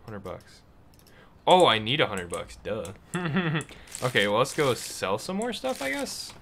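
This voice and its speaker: A man casually commenting while playing a game, excitable and swearing freely, reading the game's dialogue aloud. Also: medium pitch, measured pace, slight background noise. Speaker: gaming video host. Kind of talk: casual let's play commentary.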